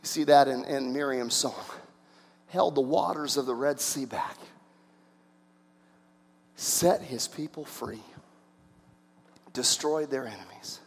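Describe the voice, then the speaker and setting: A man preaching a sermon as pastor, telling the story in an animated way and acting out the voices. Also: medium pitch, slow, pauses often, slightly rough. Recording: reverberant hall.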